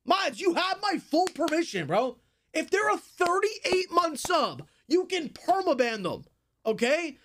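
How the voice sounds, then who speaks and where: A young man livestreamer in an enraged, yelling, sweary rant at his chat. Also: very high voice, big pitch swings, a little slow, slight background noise. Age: young adult. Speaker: livestream host. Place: small bedroom streaming setup, indoors.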